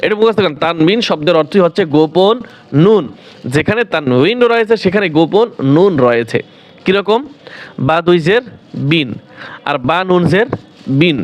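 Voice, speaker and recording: A man teaching the rules for reading the Quran, asking questions and answering them himself, and repeating each word slowly. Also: sits high, animated, highs cut off. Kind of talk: explaining rules to viewers.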